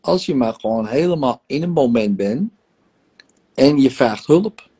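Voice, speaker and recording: A man's voice: medium pitch, expressive, a little slow, mellow, husky. A man guiding a casual coaching conversation, talking animatedly with many fillers and acting out inner voices. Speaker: host and session guide. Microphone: online live session.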